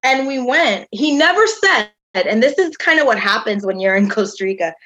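A woman's voice: on the high side, lively intonation, moderate pace, a bit bright. Guest, woman, 30s, from the US, chatty and filler-heavy storyteller. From United States. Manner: chatty, uses lots of "um" and "like". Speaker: guest, tour company founder. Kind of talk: casual interview storytelling.

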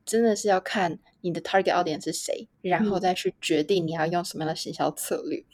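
A woman's voice: lowish voice, brisk, a little mellow, dry recording. A woman hosting a casual podcast interview, chatting and laughing at herself now and then. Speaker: podcast host.

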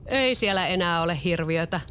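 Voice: medium pitch, pushed and bright, slight background noise, lightly acted. A reader as a blunt, jealous eldest sibling. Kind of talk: storybook reading.

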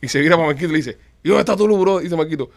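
A man's voice: a little high, racing, creaky. A man telling a shared funny story in casual chat, jumping in to add details with a laugh.

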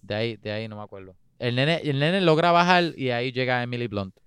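A man chatting casually about a film, relaxed, laughing often and losing track of scenes. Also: mid-range voice, quick pace, clean tone, no echo. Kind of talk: casual chat reviewing a film.

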